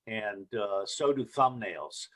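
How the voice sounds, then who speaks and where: A man's voice: lowish voice, expressive, slow, a bit bright. An older man interviewing a guest over a remote call, asking direct questions and steering the conversation.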